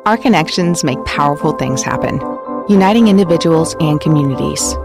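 A woman's voice: low voice, animated, fairly quick, vocal fry. Woman narrating a public service announcement over music. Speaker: civic organization PSA narrator. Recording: music bed under narration.

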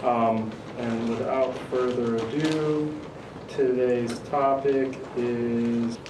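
A man from Connecticut hosting a casual group meeting, relaxed and hesitant with many fillers. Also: mid-range voice, drawn-out words. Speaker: meeting host. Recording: echoey room, mic far off, loud noise.

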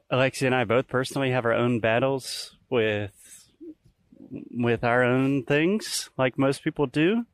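The podcast host is an early-thirties man with a medium-pitched voice, strolling outdoors in nature as he records. His talk is casual and explanatory, and there's no room sound.

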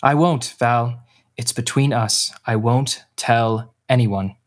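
A man in a student radio drama playing a gentle, patient uncle who speaks calmly and reassuringly. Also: mid-range voice, natural voice. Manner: calm, reassuring, measured.

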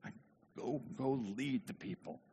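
Man doing a gentle, calm teacher. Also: mid-range voice, unhurried, creaky, a little hiss or hum. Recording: long hall reverb.

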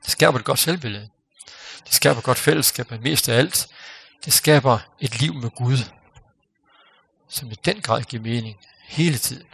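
A man preaching a sermon, earnest and unhurried, dropping to a near-whisper for emphasis. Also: mid-range voice, gravelly, a bit bright, slightly rough. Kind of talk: sermon with closing prayer.

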